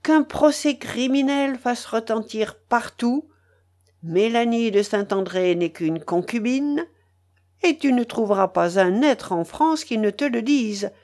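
Woman reading as a menacing male pirate, sneering, emphatic, lively swings in pitch, slow deliberate delivery, storybook. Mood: vengeful. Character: vengeful scornful male pirate. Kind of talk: audiobook reading.

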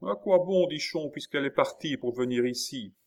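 A man voicing an eager, excitable young noblewoman who speaks in quick exclamations. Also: on the high side, voice pushed up, close to an everyday voice. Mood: urgent.

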